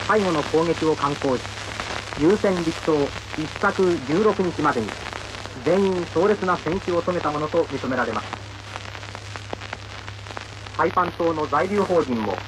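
A man's voice: on the high side, noisy background. A man solemnly declaiming a formal wartime announcement, heard from an old 1940s newsreel soundtrack.

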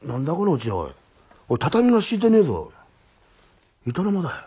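Man doing a loud blustering burglar. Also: on the high side, huge pitch swings, quick pace, slightly rough, heavily acted. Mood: startled, grumbling. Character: rough blustering male burglar, easily flustered. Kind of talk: comic storytelling.

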